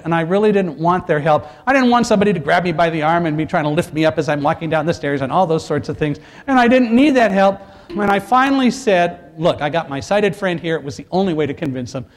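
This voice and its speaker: A man telling a personal survival story to an audience, earnest and animated, building to loud emphasis. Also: fairly high pitch. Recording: echoey hall reverb.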